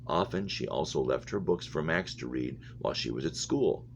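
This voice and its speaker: A gravelly, extremely low-pitched man reads a novel at normal speed with lively intonation. This English teacher occasionally stumbles on words and goes back over phrases. The muffled lo-fi recording has a hum running through it.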